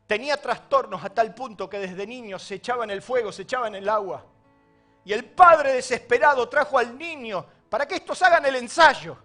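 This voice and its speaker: A very high-voiced male pastor preaches a sermon. He acts out the people in the story, swinging between loud bursts and quiet lines. Soft music plays faintly beneath him.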